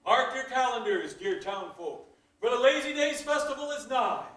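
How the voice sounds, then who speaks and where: A man making a town crier's proclamation in a loud, ceremonial, theatrical old-fashioned manner, indoors in a council chamber. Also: very high-pitched, lively intonation, moderate pace. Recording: echoey hall, far from mic.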